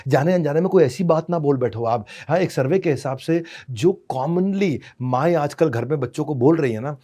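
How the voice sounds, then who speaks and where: A male speaker lecturing parents from a seminar stage with a fairly high voice. His delivery is theatrical and full of flourishes. He drops in rhyming couplets and slides into English phrases. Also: expressive, normal speed, mellow.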